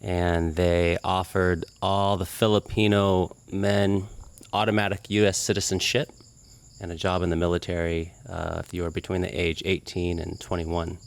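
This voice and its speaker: Deep-voiced American man, easygoing guest. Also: little pitch movement, moderate pace, vocal fry, clean tone. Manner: easygoing, laughing storyteller. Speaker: podcast guest. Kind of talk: casual interview chat.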